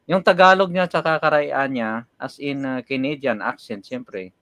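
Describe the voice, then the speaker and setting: A middle-aged man co-hosting a community radio show, telling funny stories in a casual, animated way. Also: mid-range voice, normal speed, no echo. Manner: animated storyteller, warm and jokey. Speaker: radio co-host.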